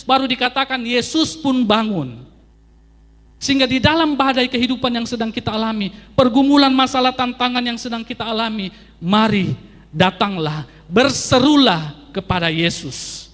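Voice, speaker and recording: Guy preaching a sermon, high voice, swings loud and soft, says things twice, big echoey hall. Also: normal speed. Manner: emphatic preaching with sweeping rises and drops in pitch and loudness; repeats phrases for emphasis. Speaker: pastor.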